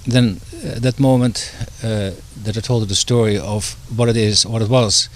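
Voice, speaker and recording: A man's voice: lowish voice, fairly even intonation, moderate pace. A middle-aged man from the Netherlands, speaking as an interview guest in a hesitant way, with many fillers and restarts. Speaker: guest, author and doctor.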